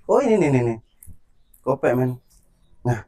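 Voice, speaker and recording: Teasing, calm man in a skit. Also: medium pitch, measured pace, a little hiss or hum. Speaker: skit lead and channel host. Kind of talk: amateur skit acting.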